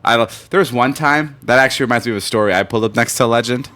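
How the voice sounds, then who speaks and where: A man in his twenties chatting on a podcast, telling stories with lots of swearing and jumping up in pitch when he quotes people. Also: very fast. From United States. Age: 20s. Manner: animated storyteller, swears often, voice leaps up when acting out quotes. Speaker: podcast co-host. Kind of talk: casual podcast chat.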